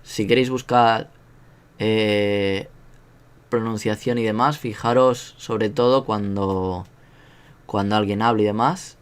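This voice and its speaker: A man's voice: fairly low pitch, fairly even intonation, slow, smooth. A man with a Spanish accent from Spain, giving a casual online language lesson in a joking, self-mocking way and drilling sounds aloud. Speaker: language teacher.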